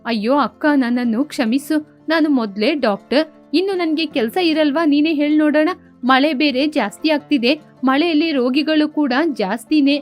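A playful, teasing young woman doctor in an animated storybook, as a woman narrator puts her on. Her voice is high and lively, with soft music playing faintly behind. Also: moderate pace, lightly acted. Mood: pleading.

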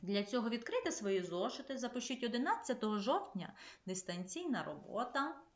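A woman primary school teacher giving a remote lesson, speaking in clear, measured instructions to young pupils. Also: a little high, lively intonation, a little hiss or hum. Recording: echoey, slightly dull room recording.

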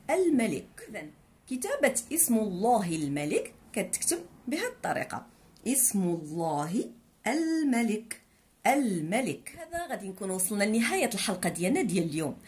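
A woman with a Moroccan accent teaching handwriting, spelling letters aloud slowly and repeating each syllable. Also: medium pitch, a little mellow.

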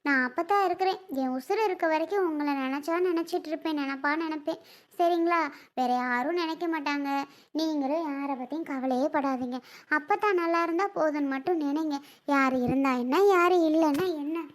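A woman playing an older mother-in-law and grandmother who talks slowly and coaxingly. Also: sits high, lightly acted. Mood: tender. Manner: slow, soft, coaxing talk. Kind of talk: family skit acting.

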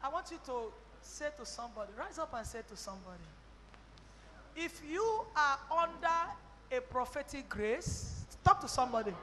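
Fervent high-voiced Nigerian woman preacher. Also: lively intonation, moderate pace, long reverb tail, slight background noise. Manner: fervent, swings between shouting and hushed. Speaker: prophetess leading a church testimony. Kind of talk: charismatic preaching.

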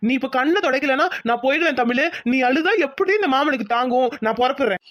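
A woman's voice: sits high, fast, a bit bright, no echo, studio quality. Woman voicing a devoted young village lover man. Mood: tender. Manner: coaxing, reassuring.

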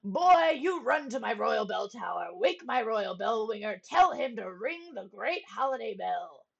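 Woman doing a loud, bossy storybook king. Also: a little high, very animated, unhurried, gravelly, breathy edge, lo-fi sound, exaggerated voice. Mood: commanding. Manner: loud, gleeful, barking commands. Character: greedy, boastful, bossy king.

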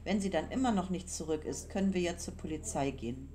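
A woman voicing a talkative young man in an audiobook, speaking in a quick, persuasive way with a raised voice. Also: fairly low pitch, mellow, natural voice. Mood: reassuring. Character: young male storyteller, talkative, evasive, easily startled.

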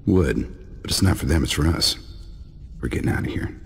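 A man playing a confident, stubborn inventor in an armored suit for a video game, with a gravelly voice. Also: a bass voice, lively intonation, moderate pace, heavily acted. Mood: proud, intense.

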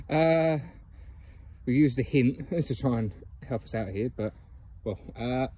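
A man's voice: medium pitch, slow, warm tone, slightly rough, no room sound. A man filming a casual outdoor walk-and-talk vlog on a phone, rambling with many ums and chuckles. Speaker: geocaching vlogger. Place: outdoors by a fence and bushes.

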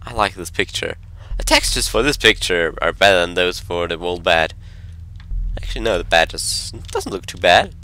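A man playing a horror game and talking to himself as he goes, jumpy and easily startled. His bright voice swings widely in pitch, and now and then it sinks to a nervous whisper. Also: lively intonation, moderate pace. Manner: jumpy, talks to himself, drops to whispers when scared. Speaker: gameplay commentator. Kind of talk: horror game let's play commentary.

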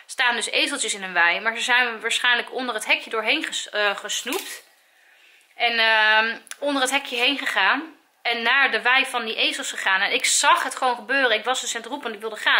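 A woman's voice: on the high side, pushed and bright. A Dutch woman in her thirties, a mother filming a family vlog, chatting to the camera and soothing her frightened dog. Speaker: vlogger, mother. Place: outdoors, then at home.

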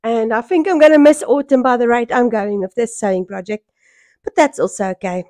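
A middle-aged South African woman with a hoarse voice worn by a cold, chatting casually in a home vlog. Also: a little high, fairly quick, dark tone, no echo, clean studio sound. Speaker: sewing vlogger. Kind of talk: casual vlog chat to camera. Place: small furnished room at home, indoors. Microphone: small microphone held near the mouth.

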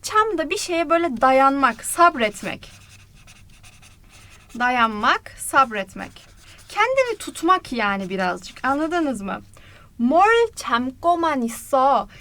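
Woman, high-pitched, lively language teacher walking viewers through lyrics piece by piece. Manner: lively and explanatory, addressing viewers directly; breaks Korean phrases into parts, repeating them slowly. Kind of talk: explaining song lyrics in an online lesson.

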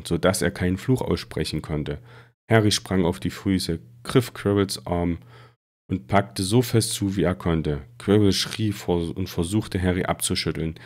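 A man reading a fantasy novel aloud in a steady, dramatic storytelling manner. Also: low voice. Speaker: reader.

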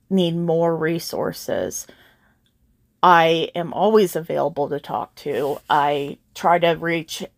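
A woman's voice: on the low side, no room sound, studio quality. A woman voice actor hosting her own channel, earnestly speaking straight to her listeners in a casual update.

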